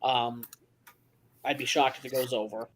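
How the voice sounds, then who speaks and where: A man's voice: medium pitch, little pitch movement, moderate pace. A man co-hosting a casual sports betting chat, blunt and stammering into his points. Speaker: podcast co-host.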